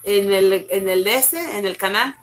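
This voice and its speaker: A woman pastor teaching the Bible on a live stream from her bedroom at home, urging viewers along briskly and greeting them by name. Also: mid-range voice, faint music behind.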